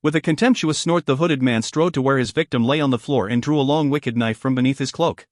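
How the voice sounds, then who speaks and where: A man reading a fantasy audiobook aloud as narrator, telling the story in a steady, measured way. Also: mid-range voice, no room sound, studio quality.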